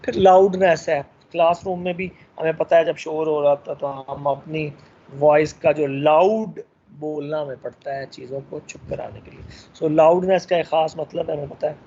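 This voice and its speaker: Man lecturing, slightly high, lo-fi. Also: fairly even intonation, moderate pace, mellow. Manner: lecturing with frequent fillers and English phrases. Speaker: teacher. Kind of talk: recorded lecture.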